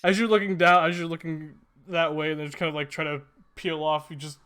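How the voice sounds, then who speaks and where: A man working as game master, improvising descriptive narration in a halting, casual way. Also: a little high, little pitch movement, fairly bright tone, clean tone.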